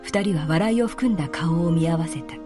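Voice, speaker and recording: A woman narrating a literary story in a calm, measured reading. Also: fairly low pitch, music in the background.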